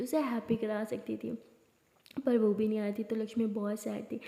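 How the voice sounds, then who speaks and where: A woman tells a story in a relaxed, chatty narrating voice, a little high and mellow. Her words ring out in a roomy hall with a long reverb tail. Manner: conversational, plain retelling.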